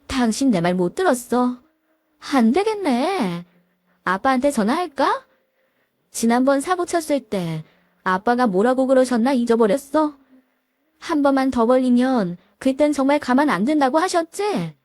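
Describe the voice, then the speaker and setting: A woman's voice: sits high, sing-song, moderate pace, a little mellow, no echo. A woman voicing a haughty, scornful wealthy wife who talks down with sneering commands. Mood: contemptuous.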